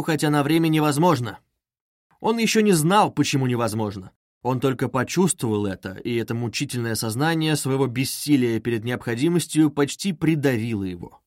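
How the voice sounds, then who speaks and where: A man narrating a classic novel as an audiobook in a measured, expressive way. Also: fairly high pitch, no echo, clean studio sound.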